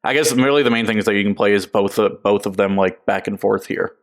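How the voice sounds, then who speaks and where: A man co-hosting a laid-back gaming podcast. His voice sits a little low, and his talk is loose and chatty, broken up by frequent laughter. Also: brisk. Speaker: podcast co-host. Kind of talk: casual podcast chat.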